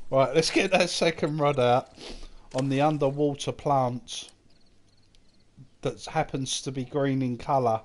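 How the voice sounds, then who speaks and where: A man's voice: medium pitch, takes it slowly, long pauses, a little hiss or hum. A man chatting casually with viewers on a game live stream, laughing often at his own jokes. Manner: chats with viewers, reading their comments aloud.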